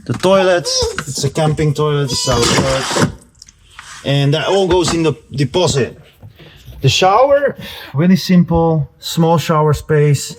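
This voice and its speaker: A man's voice: fairly high pitch, animated, a little slow. A man speaking in a casual, rambling way as he gives a walkthrough tour inside a small trailer. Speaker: vlogger giving an RV tour. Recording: noisy small trailer interior.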